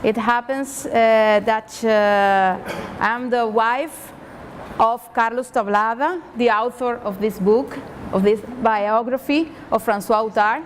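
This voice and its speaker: A Cuban woman with a fairly high voice gives halting public remarks at a seminar in a conference hall. Her English is slow and hesitant, full of fillers and restarts, and the recording carries a little hiss or hum.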